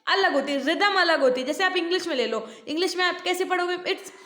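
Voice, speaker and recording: High-voiced Indian woman teaching online. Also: bright, forceful tone, echoey room. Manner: mixes Hindi and English, asks students questions, reads English slowly. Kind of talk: online class lecture.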